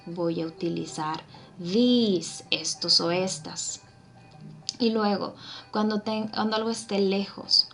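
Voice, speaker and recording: A woman's voice: mid-range voice, creaky, fairly bright tone. A woman teaching English grammar, patient, repeating points and checking in with her students.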